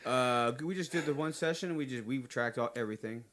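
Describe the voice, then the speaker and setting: A man's voice: mid-range voice, brisk, fairly bright tone, a little hiss or hum. A man in a band, chatting casually and telling rambling stories in an easygoing way. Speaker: band member. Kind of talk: casual chat.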